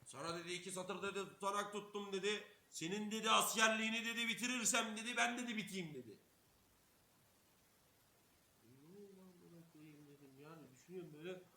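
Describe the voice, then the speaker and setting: A young streamer with a high, sharply bright voice tells a story with lots of swearing, acting out what each person said. The room is echoey. A faint hiss sits under the voice. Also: male voice, brisk. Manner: swears constantly, acts out quotes, laughs while telling. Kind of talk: casual storytelling. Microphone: streaming mic.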